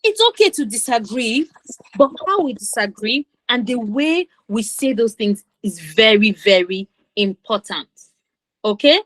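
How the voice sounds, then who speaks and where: Woman, teen confidence coach, higher voice, emphatic and repetitive, dry sound. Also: expressive, a little slow, a bit bright, no echo. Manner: repeats for emphasis, acts out kids' voices. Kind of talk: online class teaching.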